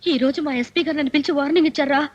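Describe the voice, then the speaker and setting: A sharp-tongued woman, played by an actress in a film comedy scene, scolding in a very high voice at a rapid pace. The film audio is dull and lo-fi. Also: steady tone, a crowd in the background, lightly acted.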